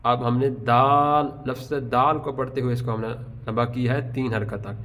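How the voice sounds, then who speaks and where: A man's voice: mid-range voice, steady tone, a bit bright, a little hiss or hum. Man drawing out letters in a tajweed lesson. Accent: Pakistani Urdu. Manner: drawn-out letter names, then quick explanations. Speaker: Quran recitation teacher.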